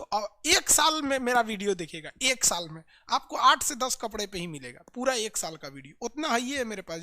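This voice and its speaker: A man's voice: high voice, pushed and bright, no room sound, clean studio sound. A man teaching an online lesson, chanting place names over and over and joking with students in a folksy way. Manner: chants place names in rapid repetition drills. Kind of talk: energetic recorded lesson.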